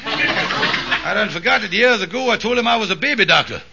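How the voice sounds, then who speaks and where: A high-pitched, blustering schemer. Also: male voice, expressive, moderate pace, vocal fry. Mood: dejected, worried. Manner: stammering, exaggerated folksy delivery. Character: blustering, scheming middle-aged man, folksy comic conniver. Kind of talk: 1950s American radio sitcom acting. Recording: muffled, noisy old radio recording.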